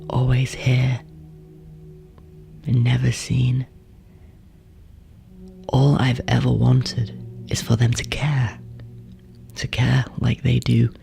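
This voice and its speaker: In a horror monologue, a man plays a bitter older sibling who was neglected, speaking in a hushed, confessional way that often drops into whispers. His voice is mid-range and gravelly, and the mood is wounded.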